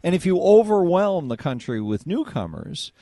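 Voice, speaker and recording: Man, call-in radio host, probing questions, slightly high voice, dry studio sound. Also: big pitch swings, normal speed, mellow, no room sound. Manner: probing, leads the caller with questions. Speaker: radio talk show host. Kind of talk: call-in talk radio debate.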